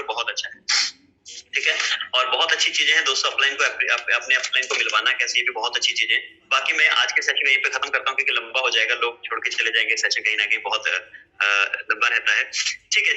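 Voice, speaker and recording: Male team trainer, rapid and earnest, keeps checking that listeners follow. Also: medium pitch, pushed and bright, poor audio. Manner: earnest, coaxing, often checks in with "right?" and addresses listeners as friends. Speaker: network marketing team leader giving a training session. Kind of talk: motivational training talk.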